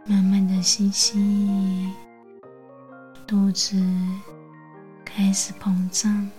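A woman narrating a guided bedtime relaxation like a sleep story narrator, in a soothing, hushed, breathy near-whisper with long pauses. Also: mid-range voice, completely flat delivery, soft background music. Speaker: host of a bedtime relaxation show.

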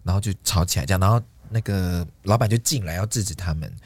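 Dude, animated storyteller, quick, dry mic. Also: male voice, low voice, breathy edge, no room sound. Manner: chatty storyteller, loose and animated. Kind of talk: casual chat.

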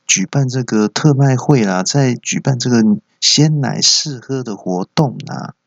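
A man's voice: mid-range voice, unhurried, creaky, no echo, lo-fi sound, pitched above the performer's own voice. A man playing a flustered husband of about fifty who stammers out excuses.

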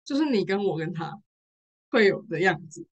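A woman's voice: lowish voice, animated, moderate pace, highs cut off. A young woman from Taiwan with a Taiwanese Mandarin accent, telling a personal story in casual chat, repeating herself and laughing through tears. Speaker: podcast guest, rehearsal studio owner.

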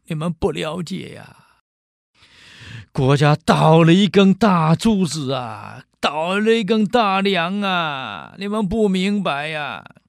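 A man's voice: high voice, lively intonation, a little slow, dry recording, clean studio sound, pitched above the performer's own voice. A man voicing a grieving ancient statesman who pleads, drawn out and wailing, to be understood. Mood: wailing grief. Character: grieving ancient male statesman, loyal and earnest.

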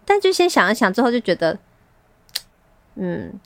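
A woman's voice: mid-range voice, big pitch swings, moderate pace, dry recording. A woman with a Taiwanese Mandarin accent chatting casually as a co-host of a book show. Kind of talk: casual chat about books.

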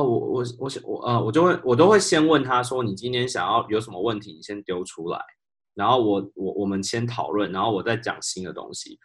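A man with a somewhat low voice tells work stories in a relaxed podcast chat. He is animated and laughs often as he goes. He slips English words in mid-sentence. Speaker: podcast co-host. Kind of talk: casual storytelling chat.

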